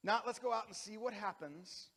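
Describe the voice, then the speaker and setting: A man in his thirties preaching a sermon in a church sanctuary. His voice sits high and bright, and it swings from loud, driving emphasis to quiet, hushed lines. A long reverb trails each phrase through the hall. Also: normal speed. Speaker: pastor.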